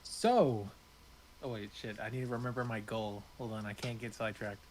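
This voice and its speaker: A man's voice: fairly low pitch, fairly even intonation, moderate pace, darkish tone, a little hiss or hum. A young man playing in a live tabletop game, joking and brash. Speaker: player. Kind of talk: casual tabletop play.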